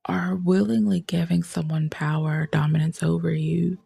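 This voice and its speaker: A woman musing in a casual, rambling chat, often drifting into soft whispers. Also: on the low side, level tone, moderate pace, vocal fry, slightly rough, dry recording. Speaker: tarot reader.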